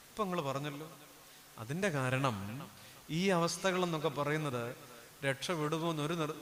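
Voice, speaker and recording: A priest preaching a sermon, a man who swings from loud declamation down to low hushed asides. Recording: long hall reverb.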